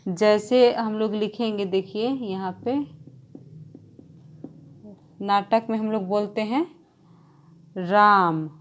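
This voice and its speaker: A woman's voice: medium pitch, fairly even intonation, takes it slowly, long pauses, warm tone. A woman teacher giving an exam-prep grammar lesson, explaining step by step and drawing out example sounds while writing on a board.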